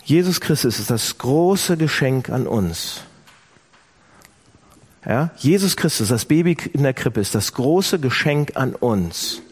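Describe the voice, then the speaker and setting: A man preaching a sermon, speaking directly to his listeners with lively emphasis. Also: mid-range voice, slow pace, husky. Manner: animated, addresses listeners directly.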